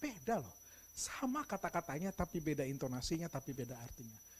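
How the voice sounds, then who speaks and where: A middle-aged man preaches a sermon in a lively storytelling way. He acts out the dialogue in his stories and moves between hushed asides and loud, stressed lines. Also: a little high, a little fast, slight background noise. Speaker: pastor.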